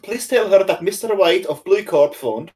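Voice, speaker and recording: A hesitant, polite bellboy stammers and repeats himself, as a man puts him on. The voice sits higher than usual and bounces in pitch. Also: lively intonation, moderate pace, darkish tone. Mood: flustered.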